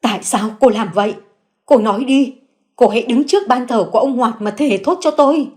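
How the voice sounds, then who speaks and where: A woman's voice: fairly low pitch, normal speed, close to an everyday voice. A woman voicing an elderly widow who questions her accuser in a firm, cold tone. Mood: stern demand.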